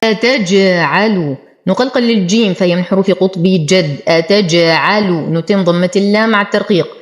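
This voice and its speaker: A woman teaching Quran recitation, explaining the rules of each word and then reciting it slowly and deliberately. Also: mid-range voice. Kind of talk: tajweed lesson with slow recited examples.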